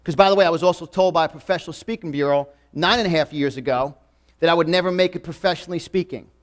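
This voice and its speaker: A fast-talking man with a slightly high voice and a New York accent, in his forties, works a live audience in an event room. His motivational talk is emphatic and full of repetition.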